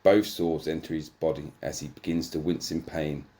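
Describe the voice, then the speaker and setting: Deep voiced guy reading a dumb raunchy story, deadpan, trips over words sometimes. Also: moderate pace. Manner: deadpan, stumbles and swears. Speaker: narrator. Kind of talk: comic erotic story reading.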